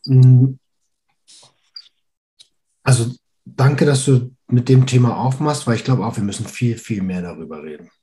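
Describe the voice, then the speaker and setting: A man's voice: medium pitch, measured pace, pauses often, mellow. A man in his thirties hosting a podcast, chatting casually and asking engaged follow-up questions. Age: 30s. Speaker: podcast host. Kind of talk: casual interview.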